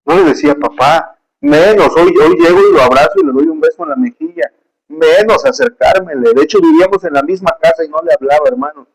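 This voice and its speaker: A man's voice: a little high, sing-song, fairly quick, creaky, low-quality recording. A man preaching a sermon with emotion and emphasis, telling personal stories, reading scripture aloud and calling his listeners brothers.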